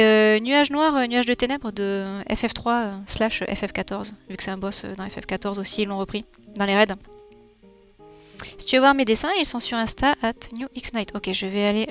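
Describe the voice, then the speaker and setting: A woman livestreaming while she draws, chatting with viewers and thinking aloud with playful little sound effects. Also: on the high side. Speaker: streamer. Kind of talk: casual livestream chat while drawing.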